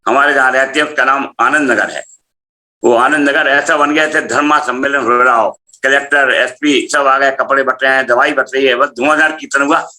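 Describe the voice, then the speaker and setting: Middle-aged man with a bright voice, telling a story. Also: medium pitch, normal speed. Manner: animated storytelling, acting out dialogue. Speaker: spiritual practitioner telling a testimony. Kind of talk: personal testimony storytelling.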